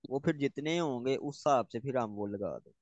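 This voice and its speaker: A man's voice: medium pitch, fairly quick, a little mellow, dry recording, highs cut off. A man, a student thinking aloud and asking a teacher questions about grammar. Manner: hesitant, thinks aloud, restarts.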